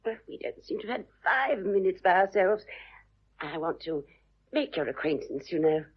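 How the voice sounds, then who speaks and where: A woman's voice: lowish voice, expressive, moderate pace, slightly rough. A woman playing a flighty older English mother who chatters in a gushing way in a radio play. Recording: dull lo-fi recording.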